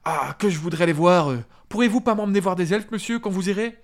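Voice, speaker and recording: A man voicing a timid, eager young male hobbit gardener who pleads and trembles in a high voice. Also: fast.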